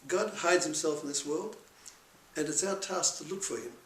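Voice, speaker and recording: A man teaching a short spiritual lesson in an earnest, measured storytelling manner. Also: on the high side, recorded from a distance. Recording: echoey room with faint noise.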